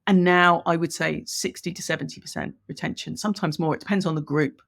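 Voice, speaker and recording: A woman with a low, gravelly and slightly bright voice talks fast in a steady tone as a guest on a podcast interview. She is a business coach from Ireland with an English accent, chatting enthusiastically and laughing as she explains in conversation.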